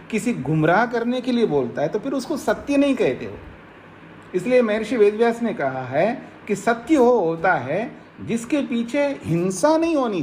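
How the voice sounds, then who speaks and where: A high-pitched male swami from India delivers a scripture-based spiritual discourse, his voice lively and full of rises and falls. He drives his points home by repeating them and using everyday examples, while a faint room hum sits behind him.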